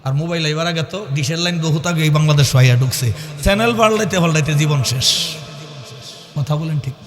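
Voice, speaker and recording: A male Islamic preacher, delivering a sermon that swings between loud sing-song chanting and low conversational asides. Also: fairly quick. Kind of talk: melodic sermon at a religious gathering. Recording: reverberant PA sound with faint music.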